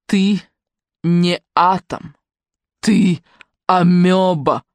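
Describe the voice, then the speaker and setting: A woman doing a shrill, haughty ex-class-queen. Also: very animated, slow, no room sound. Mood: scornful. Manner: shrill, disdainful, snapping.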